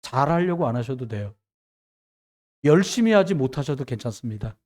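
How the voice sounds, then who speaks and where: A male pastor giving an emphatic, conversational sermon, swinging between loud exclamations and hushed asides and often addressing the congregation. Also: medium pitch, expressive, normal speed. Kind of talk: Friday evening sermon.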